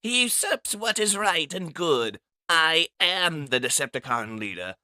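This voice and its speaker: A man voicing a shrill, scheming, cowardly male robot who screeches and pleads melodramatically. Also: big pitch swings, measured pace, bright, forceful tone, dry recording, clean studio sound, full character voice. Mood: grandstanding. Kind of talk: comic dub narration.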